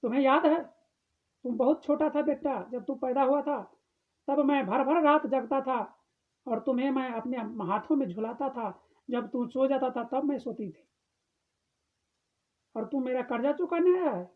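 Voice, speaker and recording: A man's voice: extremely high pitch, moderate pace, pauses often. A man voicing a stern, hurt mother. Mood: reproachful. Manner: reproachful, repeats her points. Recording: tinny phone-like sound.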